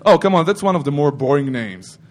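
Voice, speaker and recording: Speaking at a security conference, a middle-aged man rambles through an informal technical talk, often stopping mid-sentence to correct himself and adding joking asides for the audience. His somewhat high voice is animated and brisk, with a darkish tone.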